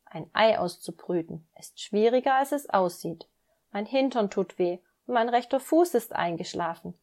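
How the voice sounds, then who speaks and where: A woman's voice: mid-range voice, normal speed, close to an everyday voice. A woman voicing an eager, stubborn little boy duckling in a children's story, speaking earnestly. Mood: pleading. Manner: earnest and excited.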